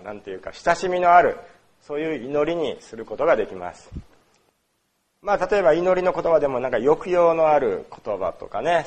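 A man from Osaka gives a sermon, his pitch rising and falling a lot as he speaks. He talks in a loose, conversational way, full of small fillers, and often asks the congregation questions. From Osaka, Japan. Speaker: pastor. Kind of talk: sermon on worship.

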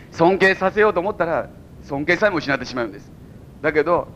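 Animated pastor preaching, Mikawa accent. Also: male voice, lo-fi sound, a little hiss or hum. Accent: Mikawa Japanese. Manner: animated preaching with sudden high exclamations and chuckles. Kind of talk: sermon. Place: church service before a congregation.

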